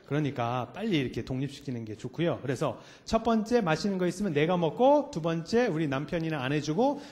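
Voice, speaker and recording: Monk guy preaching in a temple hall, voice jumps all over, kinda high, keeps asking the crowd questions. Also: darkish tone. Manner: keeps quizzing the audience with rhetorical questions; playful, teasing tone. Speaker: Buddhist monk giving a dharma talk. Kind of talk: sermon to a lay audience. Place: temple hall before an audience.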